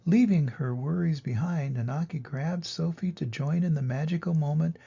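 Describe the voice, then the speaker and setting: Gravelly grandpa voice reading a storybook. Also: male voice, a little high, moderate pace, mellow, muffled recording. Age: older. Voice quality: gravelly, husky. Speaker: storybook reader. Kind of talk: children's storybook narration, read aloud.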